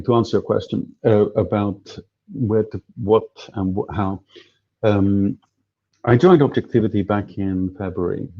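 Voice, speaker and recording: Over a video call on headphones, a man organizing an event talks casually in a fairly low voice. He is hesitant, with many fillers and restarts, and the sound is lo-fi.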